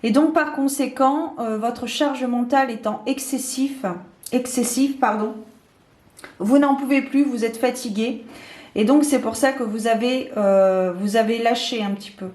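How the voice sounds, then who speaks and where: A woman's voice: fairly high pitch, normal speed, a little mellow. A woman giving a casual tarot card reading, speaking hesitantly with many fillers and restarts. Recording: echoey room.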